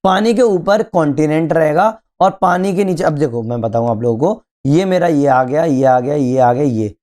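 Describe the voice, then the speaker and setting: A male teacher giving an exam-prep geography lecture, explaining slowly, repeating key terms and often checking that students follow. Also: a little high, a little mellow. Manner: keeps asking students if they follow.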